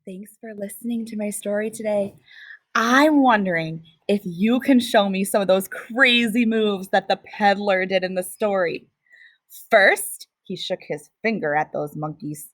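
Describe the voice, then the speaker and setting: A woman teacher reading a picture book aloud to children, expressive and pausing to ask questions. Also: mid-range voice, dry recording, poor audio. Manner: expressive, asks listeners questions.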